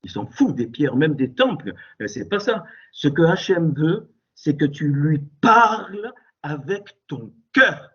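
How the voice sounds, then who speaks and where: A man with a strong, husky voice pitched a little high delivers a fervent Torah teaching. He swings between soft asides and loud, exclamatory outbursts, his pitch rising and falling widely. It comes through dull, lo-fi Skype call audio. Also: very animated, takes it slowly. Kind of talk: impassioned religious teaching. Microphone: computer mic on a Skype call.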